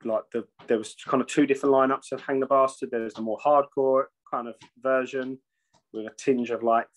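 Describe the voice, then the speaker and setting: Fairly quick and fairly even in intonation, this mid-range male voice belongs to a metal band's singer and bassist appearing as a guest. He chats from a home room with shelves via video call webcam, rambling loosely, swearing a lot and often starting over.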